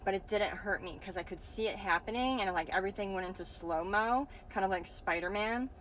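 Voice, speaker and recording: A woman's voice: medium pitch, a little fast, a bit bright, a little hiss or hum, low-quality recording. A woman casually recounting a dream in a hesitant way, searching for words and often saying "like". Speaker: vlogger.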